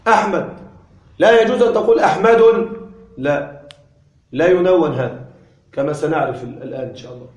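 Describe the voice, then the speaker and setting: A man teaching an Arabic grammar lesson, patiently repeating examples slowly and asking and answering his own questions. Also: fairly high pitch, very animated, a little mellow, reverberant.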